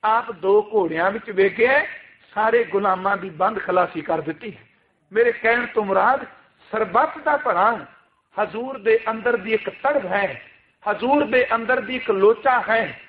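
A man with a very high voice delivers an impassioned Sikh sermon, pressing his listeners with rhetorical questions. His voice comes through thin and tinny, like over a phone line. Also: a little slow. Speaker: Sikh preacher. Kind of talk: religious sermon with recited scripture.

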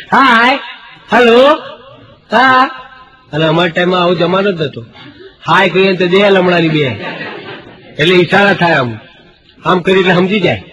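High-voiced Gujarati stand-up comedian. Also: male voice, muffled recording. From Gujarat, India. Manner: animated, acts out quoted voices for jokes. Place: stage before a live audience. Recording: live show with loud crowd laughter.

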